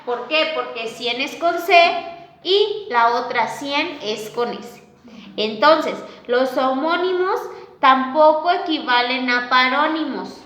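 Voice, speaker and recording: Maestra lenta y aguda, sala con eco. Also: female voice, sits high, fairly bright tone, roomy sound. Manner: slow and deliberate, checks understanding with a frequent questioning "¿ok?"; spells out example words slowly and carefully. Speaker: teacher. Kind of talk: online class lecture.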